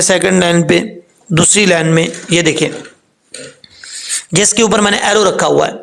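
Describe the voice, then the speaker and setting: Male tajweed teacher, high voice, gravelly edge, patient and methodical. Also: fairly bright tone. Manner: patient, repeats common mistakes and corrections; slowly spells out letters and vowel marks. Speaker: Quran recitation teacher. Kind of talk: step-by-step tajweed lesson.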